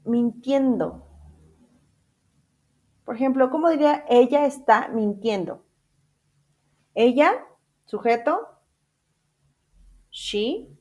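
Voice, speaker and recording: A woman teacher leads a bilingual English grammar class, talking at an unhurried pace in a somewhat high voice. She spells out endings letter by letter and repeats every example. She keeps checking in with her students through questions. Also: expressive, a little mellow.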